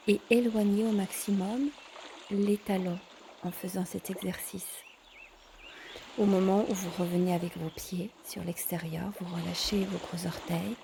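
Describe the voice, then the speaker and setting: With slight noise in the background, a yoga teacher talks students through poses in a calm, guided manner. Her mid-range voice stays measured, offering short phrases with pauses in between.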